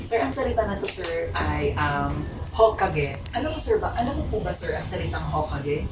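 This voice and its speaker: Young woman student asking folks questions, kinda low voice, polite rambly, far from mic w loud noise behind. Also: very animated, normal speed. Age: young adult. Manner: polite, rambling, repeats "ma'am" and "sir". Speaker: student interviewer. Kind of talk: street interview questions. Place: school campus. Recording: echoey, distant mic, loud background noise.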